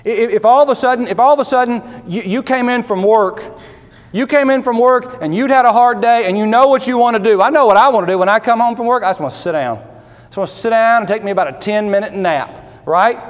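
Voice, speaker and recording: A man's voice: very high voice, fast talker. A man preaching a sermon, folksy and emphatic, full of rhetorical questions and repeated phrases. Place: church sanctuary. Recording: long hall reverb.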